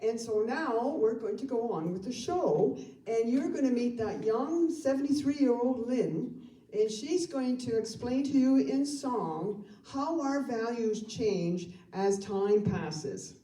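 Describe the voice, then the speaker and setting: An older woman in her seventies emcees a live stage show, timing her jokes slowly and deliberately. Her voice is on the high side and mellow, and it sounds distant in a roomy hall. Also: expressive. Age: 70s. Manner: slow, deliberate delivery of one-liners. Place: performance hall for a live audience.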